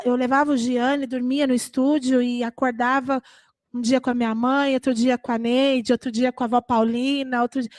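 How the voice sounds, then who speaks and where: Animated high-voiced Brazilian woman pastor. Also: no echo. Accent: Brazilian Portuguese. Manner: animated, acts out quoted voices. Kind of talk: sermon with personal stories.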